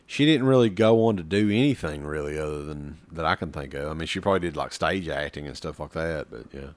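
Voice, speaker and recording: Deep-voiced man in rambling, casual chat. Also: fast. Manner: rambling, with many fillers and swearing. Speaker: podcast co-host. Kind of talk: casual chat about horror films.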